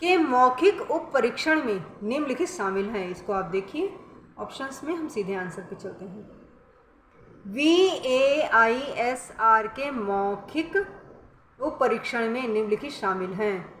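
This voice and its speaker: A woman's voice: on the high side, lively intonation, measured pace, a bit bright. A woman teacher with Indian-accented English words, coaching students for an exam in a coaxing way and often asking if they follow. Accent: Indian English words mixed into Hindi. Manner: coaxing, calls students beta, keeps asking "correct?". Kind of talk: exam-prep lesson. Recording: echoey room with faint noise.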